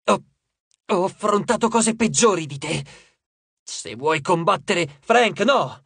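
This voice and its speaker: Teenage archer voiced by a man: high, urgent, scared but brave. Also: lively intonation, slow pace, vocal fry, fairly bright tone, breathy edge, no echo, full character voice. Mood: shaky.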